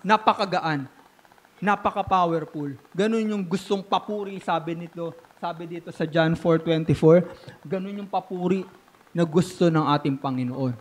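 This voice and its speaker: Pastor, male, high-pitched voice, animated sermon delivery, slips English into his preaching. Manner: animated preaching with sudden swings from loud to hushed.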